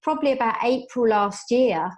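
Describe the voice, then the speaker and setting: A woman's voice: fairly high pitch, normal speed, darkish tone. A woman hosting a conversational podcast, enthusiastic and effusive as she introduces and questions her guest. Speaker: podcast host, business coach. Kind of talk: casual interview chat.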